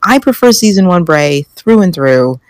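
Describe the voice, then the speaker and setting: A woman co-hosting a casual chat show, animated and quick to laugh as she argues her view. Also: on the low side, no room sound. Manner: animated, laughs often, mimics reactions. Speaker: podcast co-host.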